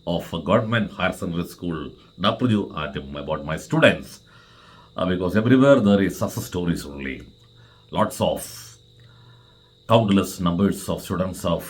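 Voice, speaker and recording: A middle-aged man with an Indian accent and a deep, low voice delivers a formal farewell address. He speaks earnestly as a vice principal, setting out deliberate phrases and repeating words for emphasis. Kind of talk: farewell speech.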